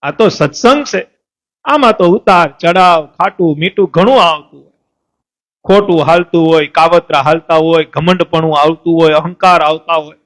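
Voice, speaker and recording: A man's voice: a little high, fairly bright tone. A man, a lay preacher telling devotional stories in a temple assembly, asking his listeners questions and acting out the saints and devotees. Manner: asks the audience questions and answers them, voices saints and devotees in the stories. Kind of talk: storytelling sermon.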